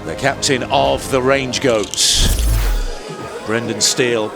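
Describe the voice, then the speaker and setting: A man gives live golf commentary in a medium-pitched voice. His play-by-play is measured and rises into excitement, with prominent music underneath. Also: gravelly. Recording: commentary over music and outdoor ambience.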